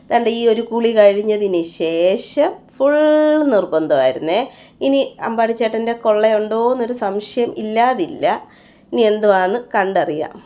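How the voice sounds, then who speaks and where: A woman's voice: medium pitch, darkish tone. Chatty woman vlogger narrating her day. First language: Malayalam speaker. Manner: chatty, often adds "you know" tags. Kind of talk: casual voice-over narration of a home day.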